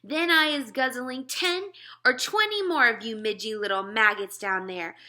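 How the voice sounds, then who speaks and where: A woman's voice: fairly high pitch, normal speed, sharp tone, voice pushed up. A woman voicing a huge, brutish male man-eating giant in a children's storybook, bellowing in mangled grammar. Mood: gloating. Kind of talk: children's storybook read-aloud.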